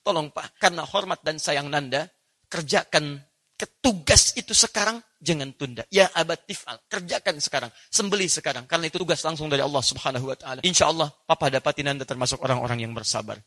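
A devoted young son pleads softly with his father, respectful and tender, in a voice that rings bright and clear, as a male preacher acts him out. The voice sits high and warm with affection rather than drama. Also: quick pace. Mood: tender pleading.

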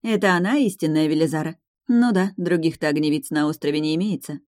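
A woman voicing a haughty, sharp-tongued dragoness lady in an audiobook, talking high, loud and scornful. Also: quick pace, dry recording, studio quality, natural voice. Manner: scornful, commanding, raised and loud. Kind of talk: audiobook character reading.

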